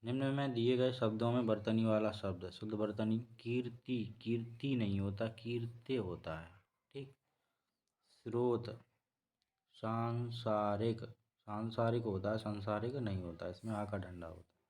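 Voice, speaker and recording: A man teaching a spelling lesson for exam preparation, repeating each word slowly and correcting himself as he goes. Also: on the low side, darkish tone. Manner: slow, repetitive explaining, self-correcting. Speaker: Hindi teacher.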